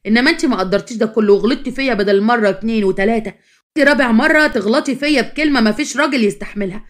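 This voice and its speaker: A woman's voice: on the high side, racing, lightly acted. A woman voicing an angry Egyptian husband. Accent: Egyptian Arabic. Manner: scolding, insistent, rising to anger. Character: exasperated husband, grown man, stern and proud.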